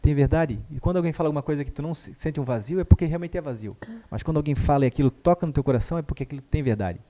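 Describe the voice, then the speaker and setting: A man tells a story quickly, his voice soft and mellow. He acts out the lines of the people in it with animated energy. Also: a little high. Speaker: guest therapist. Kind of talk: conversational storytelling.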